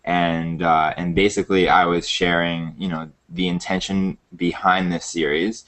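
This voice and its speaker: A man's voice: low voice, level tone, unhurried, a bit bright. A man hosting a casual online interview, talking with many fillers and restarts. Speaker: interview host.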